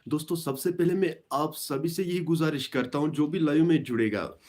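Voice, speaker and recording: A young man hosting a casual live stream, talking in a halting way with many restarts and repeated phrases. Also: fairly high pitch, a little mellow. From Kashmir.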